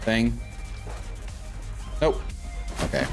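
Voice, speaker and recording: Here a South African man speaks at medium pitch in a sing-song way, drawing his words out. He's streaming a game, rambling casually and musing aloud as he goes, with faint game music behind him.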